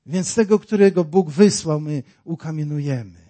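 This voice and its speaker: A man's voice: on the high side, moderate pace, mellow. A man preaching a sermon, dramatic and full of rhetorical questions, acting out the voices in his story.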